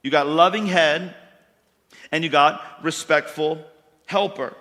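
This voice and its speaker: A man preaches to his congregation in a folksy, emphatic way, pressing his points and rising into louder bursts. His voice is bright and sits a little high. The sound rings with the long reverb of a church hall. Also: slow. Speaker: pastor. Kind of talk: sermon.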